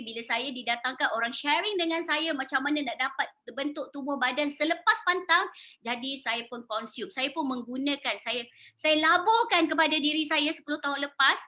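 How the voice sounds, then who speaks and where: A woman's voice: high voice, pushed and bright. A woman in her forties with a Malaysian accent, a beauty salon owner giving a persuasive sales presentation and putting questions to her audience. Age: 40s. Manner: persuasive, asks the audience questions, mixes in English words.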